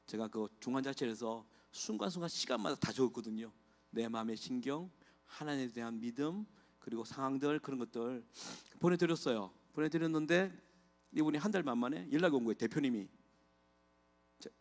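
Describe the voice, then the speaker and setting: A man's voice: medium pitch, lively intonation, a little fast, soft background music. A middle-aged man, a pastor, giving an impassioned testimony sermon in a church and asking the congregation rhetorical questions. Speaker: guest pastor. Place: church sanctuary.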